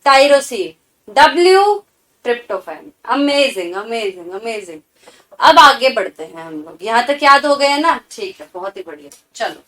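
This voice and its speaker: A woman teacher giving an exam-prep lecture, drilling her students with quick questions and repeated answers and urging them on. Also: high voice, a bit bright. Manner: drills students with call-and-response repetition; urging and encouraging.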